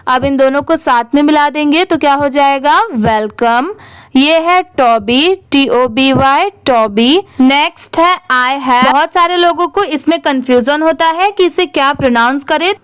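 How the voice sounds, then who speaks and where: A woman with a high voice and an Indian accent teaches English reading, spelling out each word one letter at a time. She speaks slowly and patiently, often asking a question and then answering it herself. The sound is dry and close to the mic. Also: fairly bright tone, no room sound. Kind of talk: slow spelling-out lesson.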